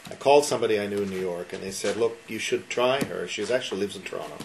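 A man's voice: fairly low pitch, very fast, gravelly. A man in his sixties talking enthusiastically at a dinner gathering, rambling with many restarts and asides. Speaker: concert sponsor and guest speaker. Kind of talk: casual after-dinner talk. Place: wood-panelled dining room with a seated crowd. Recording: noisy room recording.

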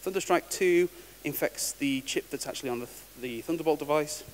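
In a big conference hall, a man with a slightly high, brisk voice gives a wry, casual technical talk, often restarting his words. The recording echoes through the hall with a faint hiss.

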